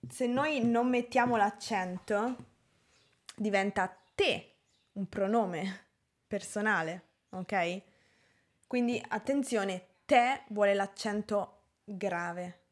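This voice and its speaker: A woman teaching a language lesson, pronouncing example words carefully and deliberately. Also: medium pitch. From Italy. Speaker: Italian teacher. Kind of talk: slow, clear language lesson.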